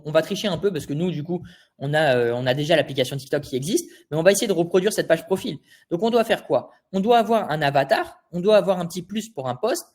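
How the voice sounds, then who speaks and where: Young male instructor, slightly high voice, chatty live-tutorial delivery full of rhetorical questions. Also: darkish tone. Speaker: design instructor. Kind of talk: live screen-share tutorial.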